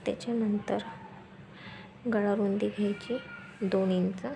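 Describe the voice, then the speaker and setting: A woman giving a step-by-step sewing tutorial, speaking softly and quietly at night, repeating steps as she goes. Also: medium pitch, fairly even intonation, unhurried, creaky, a little hiss or hum. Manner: instructional, repeats steps and measurements.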